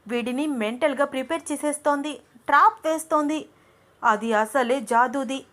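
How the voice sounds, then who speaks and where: A fiery young woman in love bristles with jealousy and snaps back in a high, indignant voice, as a woman narrator puts her on. She speaks sharply in an audio storybook, her pitch pushed up well above the narrator's own. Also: a bit bright. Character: young woman, jealous, quick-tempered, lovestruck.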